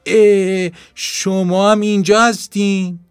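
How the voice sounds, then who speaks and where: A man voicing a newly arrived chatty young ant in a children's storybook reading, raising his voice high and lively. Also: gravelly, dry recording, soft background music. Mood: surprised.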